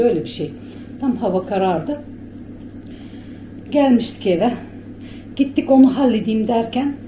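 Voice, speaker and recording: Recorded on a handheld camera at home, this chatty woman vlogs in a Bulgarian Turkish accent, wandering from topic to topic with frequent laughter. Her voice is mid-range, with a noisy background behind her.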